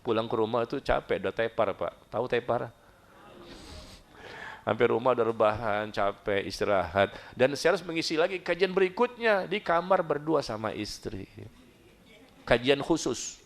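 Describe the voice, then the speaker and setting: A middle-aged man preaching a humorous sermon to a study gathering, joking and often jumping high in pitch for emphasis. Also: lively intonation, normal speed, vocal fry.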